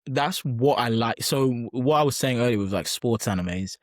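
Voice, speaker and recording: A man's voice: mid-range voice, lively intonation, moderate pace, no echo, studio quality. A young adult man chatting as a podcast guest, enthusiastic and emphatic, with frequent restarts. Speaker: podcast guest, pro bodybuilder. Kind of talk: casual podcast chat.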